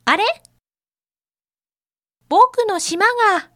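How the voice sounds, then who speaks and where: A woman voicing a cheerful young male zebra with a bright, childlike manner. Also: high voice, animated, slow, full character voice. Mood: shocked. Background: faint music.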